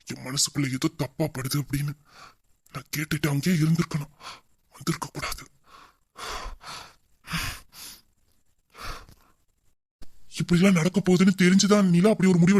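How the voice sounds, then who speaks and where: Brief: performer doing a young husband, brooding and tender, mid-pitched, intimate audio-drama delivery. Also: darkish tone, slightly rough, natural voice. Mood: troubled. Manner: emotional, intimate, endearing.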